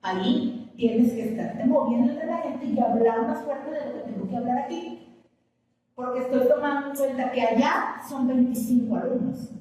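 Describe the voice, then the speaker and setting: Woman teacher lecturing her class patiently; high pitch, far off in a long-reverb classroom with faint room noise. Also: moderate pace, warm tone. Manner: explains patiently with everyday examples and questions to students. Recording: echoey classroom from a distant mic with faint ambience.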